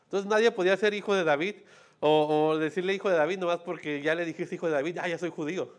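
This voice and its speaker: A pastor delivers a sermon in a loose, conversational way. His voice sits fairly high for a man. He keeps checking in with the listeners and slips into short acted-out quotes as he goes. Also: fast talker. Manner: conversational, asks "¿no?" and "¿sí?" often; acts out quoted voices in asides.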